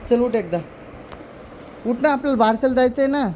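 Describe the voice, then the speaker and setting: In this casual family prank vlog filmed indoors at home, a man teases and cajoles a relative. He speaks at a moderate pace in an extremely high-pitched voice, and there's noise in the background.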